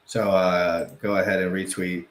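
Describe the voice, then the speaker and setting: Guy livestreaming, low-ish voice, rambles and repeats himself, roomy echo w/ faint hiss. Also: level tone, unhurried. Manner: rambling, self-correcting, repeats phrases for emphasis. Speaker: crypto livestreamer. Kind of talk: casual livestream chat.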